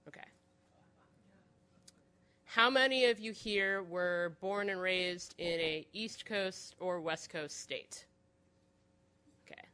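A lower-pitched woman, speaking on a panel as a reporter. Her delivery is conversational and thoughtful, with small restarts as she works through her points. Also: takes it slowly, pauses often, sharp tone, smooth. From Midwestern United States. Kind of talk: panel talk.

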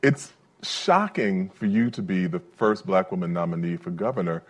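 A man's voice: deep voice, expressive, moderate pace, slightly rough. A man moderating a live discussion, loose and chatty with lots of fillers. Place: event room with a live audience.

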